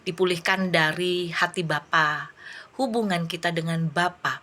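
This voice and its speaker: A woman's voice: on the low side, pushed and bright. A woman talking casually as a host, reviewing a film with religious reflection, often searching for words and restarting her sentences.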